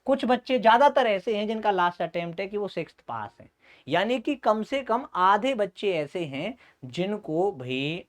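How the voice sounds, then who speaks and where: A man's voice: sits high, very animated. Male coaching teacher, chatty explanatory pace. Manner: keeps checking in with "okay", frequent "uh" pauses. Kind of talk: explanatory lecture to students.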